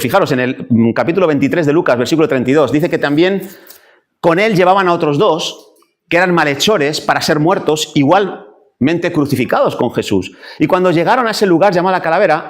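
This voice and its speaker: Pastor guy, fairly high voice, preaching lively in church, acts out wailing bits. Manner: animated preaching, acting out wailing complaints. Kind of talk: sermon.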